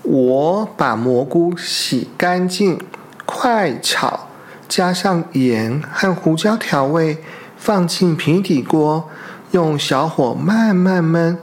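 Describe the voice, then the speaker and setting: Storyteller doing a little weasel, touchy and hungry, slow. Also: medium pitch, animated. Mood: indignant. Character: small hungry male weasel, touchy and quick to argue.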